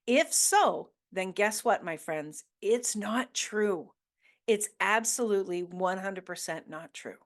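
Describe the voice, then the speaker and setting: A woman hosting a motivational talk, coaching listeners with earnest questions and emphatic repetition. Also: lowish voice. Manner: slow deliberate delivery with emphatic repetition. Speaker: host.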